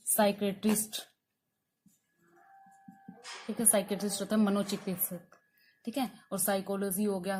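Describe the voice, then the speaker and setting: A woman's voice: medium pitch, a little hiss or hum. A woman English teacher giving a spoken English lesson in Hindi, explaining silent letters and quizzing her students with repeated questions.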